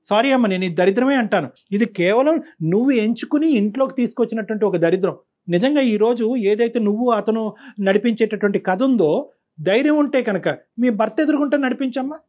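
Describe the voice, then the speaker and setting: Stern fast-talking male counselor. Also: high-pitched, darkish tone. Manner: stern, preachy, repeats phrases for emphasis. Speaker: counselor on a call-in show. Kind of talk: lecturing advice to a caller.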